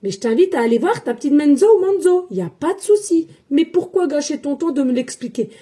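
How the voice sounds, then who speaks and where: A woman's voice: high voice, expressive, brisk, warm tone. A woman, a psychic medium, talking casually to her viewers in a defensive, repetitive way, full of fillers. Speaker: psychic medium giving tarot readings. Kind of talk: casual spoken monologue to viewers.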